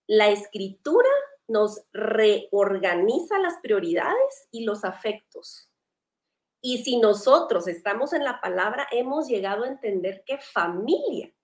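Woman, earnest panel host, faith discussion, higher voice, roomy echo. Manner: earnest, animated, conversational.

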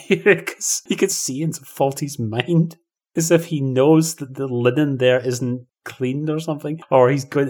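Guy chatting through a film plot, easygoing, laughs a bit, mid pitch. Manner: chatty, explanatory, laughs easily. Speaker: podcast co-host. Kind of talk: casual film review chat.

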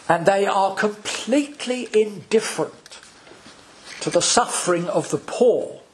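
Slow, high-voiced preaching priest. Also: male voice, lively intonation, slight background noise. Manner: slow, deliberate preaching with dramatic pauses. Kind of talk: sermon.

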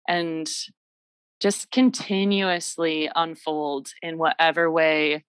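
A woman guest on a podcast talks about her work in a slow, measured way. Her voice sits a little low, earnest and reflective, sprinkled with ums. The recording is dry and close. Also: little pitch movement, clean tone, dry recording, poor audio. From Michigan. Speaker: podcast guest, massage therapist. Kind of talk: casual interview talk.

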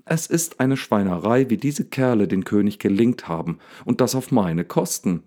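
A man reading a storybook, voicing an agitated young man shouting indignantly at a lion. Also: lowish voice, animated, a little slow, voice pushed up. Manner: angry, indignant outbursts. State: slightly hysterical.

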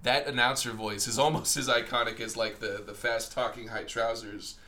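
A man's voice: mid-range voice, flat delivery, moderate pace, sharp tone. A man co-hosting a casual film discussion, enthusiastic and swearing casually. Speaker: podcast co-host.

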